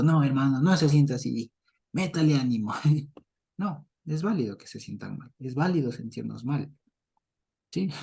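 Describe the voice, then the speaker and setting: A middle-aged man giving an informal Bible teaching, conversational and chuckling often, who checks in with his listeners and swings between loud mock preaching and soft murmurs. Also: medium pitch, gravelly, breathy edge.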